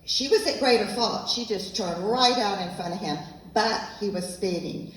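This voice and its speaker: At a local event, a woman author gives an audience an earnest, emphatic talk, repeating her points. Her voice is mid-range and a bit bright, at a normal speed. The recording, made from a distance in an echoey room with faint noise, catches her on a handheld microphone that she is sometimes off.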